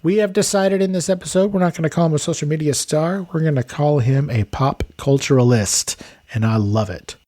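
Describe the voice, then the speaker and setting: A man's voice: a little high, brisk, mellow. Chatty man hosting a podcast. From San Antonio, Texas. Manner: chatty, self-interrupting, says "dude" and "man". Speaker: podcast host. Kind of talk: casual podcast interview and intro.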